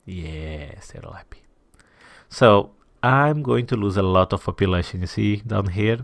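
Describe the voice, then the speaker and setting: Low gravelly man muttering through a game. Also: no echo, clean studio sound. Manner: thinks aloud, muttering asides to himself, with quick whispered remarks; chatty and self-deprecating toward viewers. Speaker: gaming channel host. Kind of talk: let's-play commentary while building a city.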